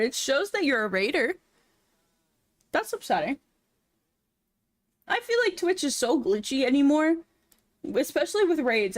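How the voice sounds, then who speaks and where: A woman hosting a casual livestream, chatting in a cute, animated anime-streamer way with drawn-out words. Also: high voice, dry recording. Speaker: VTuber livestream host. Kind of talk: casual livestream chat while drawing.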